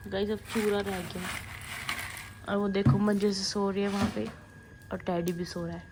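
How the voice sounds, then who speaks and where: A woman's voice: medium pitch, little pitch movement, normal speed, noisy background. A woman hosting a casual home vlog, talking chattily to her viewers and laughing at her own slips. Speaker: vlogger host. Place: home, indoors.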